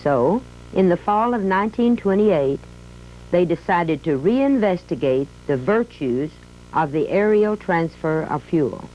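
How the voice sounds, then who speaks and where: An unhurried, animated, mellow lowish voice belongs to a woman with an American accent who speaks as an old retired army biplane, sharing its story in a folksy, nostalgic way. This scripted museum narration comes through dull lo-fi audio with faint music and a little hiss or hum.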